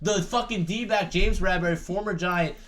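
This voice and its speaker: Young male podcast host, slightly high voice, animated, swears a lot in loose chat. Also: moderate pace. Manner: animated, swears freely about sports. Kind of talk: casual chat.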